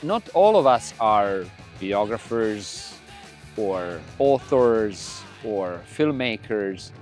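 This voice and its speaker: A middle-aged man from Croatia, a podcast host whose first language is Croatian, talking casually in a relaxed, rambling way with frequent restarts. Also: fairly low pitch, extremely slow, soft background music. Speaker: podcast host and record label owner. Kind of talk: casual monologue. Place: room full of records.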